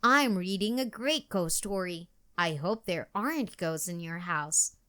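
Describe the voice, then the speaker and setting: A woman voicing an eager, excited young boy in a children's storybook. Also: on the low side, measured pace, clean tone.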